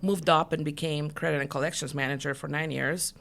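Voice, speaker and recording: A woman's voice: sits low, steady tone, a little fast, creaky, fairly bright tone. Earnest middle-aged woman from Guatemala. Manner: earnest, storytelling, frequent fillers and restarts. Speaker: guest, business owner. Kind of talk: casual interview chat.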